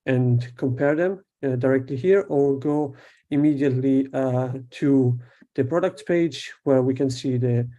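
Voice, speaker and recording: A man's voice: medium pitch, unhurried, mellow, highs cut off. A man from Italy, presenting his student web project in a live online demo and explaining it step by step with frequent hesitations.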